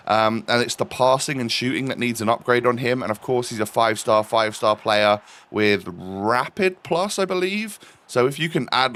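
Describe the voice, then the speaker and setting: Hosting his gaming channel, a man with a stuffy nose from an oncoming cold chats his way through gameplay commentary, full of ums and repeated words. His voice is mid-range with a fairly bright tone.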